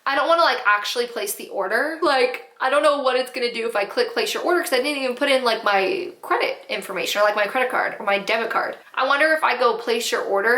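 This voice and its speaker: A chatty young woman talks through what she finds as she clicks around online, curious and a little profane. Her voice is fairly high and bright, and it bounces around an echoey room. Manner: chatty, curious, swears casually. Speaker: YouTuber reading viewer stories. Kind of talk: casual commentary while browsing a website.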